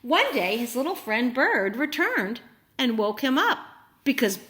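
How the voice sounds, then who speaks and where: This woman, whose voice sits a little high, reads to young children in an unhurried way. She stays spirited and encouraging, regularly asking her listeners questions.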